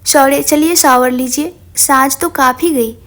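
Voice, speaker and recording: A woman reading the lines of a stern but caring young father in a story, speaking in a firm, measured way. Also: high-pitched, steady tone, a bit bright.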